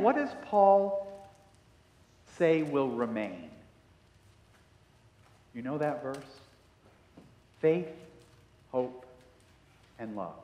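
A man in his fifties, a pastor preaching a sermon on a headset mic, slow and emphatic, asking the congregation questions. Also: fairly high pitch. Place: church sanctuary in front of a brick wall. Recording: roomy hall echo.

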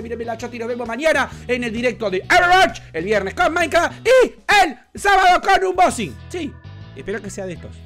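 A man with an Argentine accent hosting a gaming channel, giving foul-mouthed let's play commentary and yelling insults at the game. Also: sits high. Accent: Argentine Spanish.

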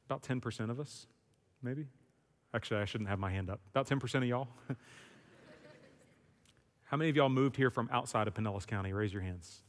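A man's voice: mid-range voice, fairly quick, long pauses. A man pastor giving an emphatic, conversational sermon in a church sanctuary. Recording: long church hall reverb.

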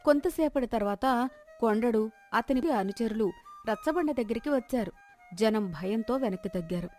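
A woman narrating a village tale in a measured, scene-setting manner. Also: fairly high pitch, expressive, a little mellow, soft background music. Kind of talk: scripted story narration.

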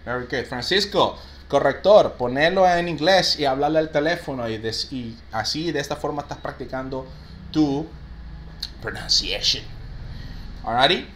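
Upbeat bilingual teacher, quick praise for students, faint noise behind. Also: male voice, mid-range voice. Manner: lively, mixes Spanish and English, praises students often. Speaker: English teacher for call center agents. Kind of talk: live online class, reading out student answers.

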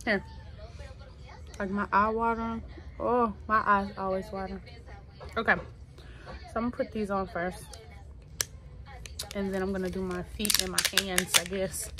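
A young woman from Tennessee talks casually to her viewers, rambling through a story in relaxed, slangy speech. Her voice sits in an ordinary middle pitch. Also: unhurried, long pauses, background noise. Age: 20s. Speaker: vlogger. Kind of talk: casual chat.

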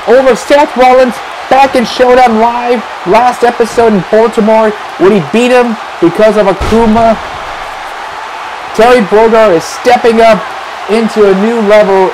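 A man doing excited play-by-play wrestling commentary, shouting at the big moves. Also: very high voice. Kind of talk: excited wrestling commentary over a video game match. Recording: noisy with crowd roar behind.

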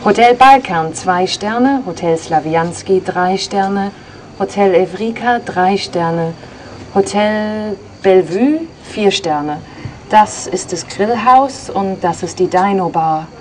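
A woman's voice: mid-range voice, slow, a little hiss or hum. A woman pointing out places along a street, plainly listing hotels and their star ratings.

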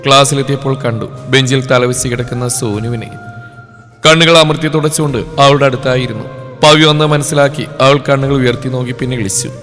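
A man of middle pitch tells a romantic story in a heartfelt, dramatic reading voice. His sentences fall in short, measured beats. The voice rings with a long reverb, and faint music plays underneath. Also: steady tone. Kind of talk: scripted romance story narration. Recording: long reverb over soft background music.

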